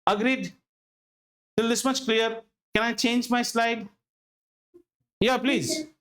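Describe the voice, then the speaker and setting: High-pitched Indian male teacher, animated and questioning. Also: slow. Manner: animated, rhetorical questions, emphatic repetition. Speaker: school physics teacher. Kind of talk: interactive classroom lesson.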